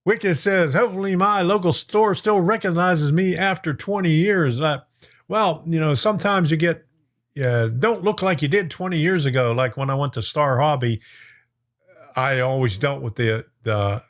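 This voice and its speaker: This folksy Florida man runs a chatty model-train live stream, reading viewer comments, chuckling and addressing people by name. He talks at normal speed in a slightly high voice that is starting to wear out.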